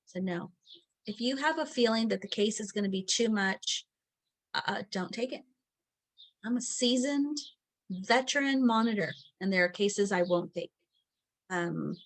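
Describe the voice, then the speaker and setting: A middle-aged woman teaches a training lesson in a chatty, candid way. She fills her talk with ums and acts out quoted phone calls. Her voice sits a little high. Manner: chatty and candid, with many fillers and quoted asides. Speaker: training instructor.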